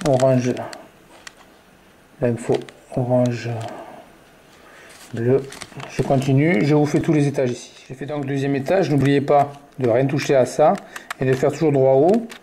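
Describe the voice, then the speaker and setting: Man, tutorial presenter, mellow tone, calls out moves as he turns the puzzle, faint hiss behind. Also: medium pitch. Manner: muttering moves and colors aloud. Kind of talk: step-by-step tutorial talk.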